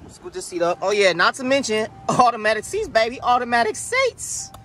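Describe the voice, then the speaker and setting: Man, high voice, casual slangy car review, talks to viewers, outdoors on a phone, wind noise on the mic. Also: wildly swooping pitch, fairly quick, a bit bright, rough recording. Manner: slangy, loose and profane, addresses viewers directly. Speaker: car vlogger. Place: outdoors beside a parked car.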